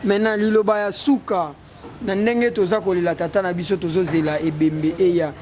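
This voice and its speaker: High-voiced street reporter. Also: male voice, steady tone, moderate pace, a little mellow. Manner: direct, leading questions. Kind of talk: street interview, mixing French and Lingala. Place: outdoors on a city street. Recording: noisy street with passing traffic.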